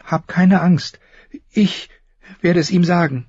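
A man voicing a young queen who pleads softly and steadily. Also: on the high side, steady tone, moderate pace, slightly rough, no room sound, muffled recording, voice pushed up. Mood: calm. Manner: pleading, soft.

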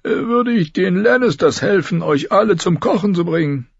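A man voicing a scheming, spiteful old lord in an audiobook, with a shrill, gravelly cackle and a sneering, taunting manner. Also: animated, moderate pace, dry recording, highs cut off, full character voice. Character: scheming ancient male lord, spiteful and mocking. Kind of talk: audiobook character voice.

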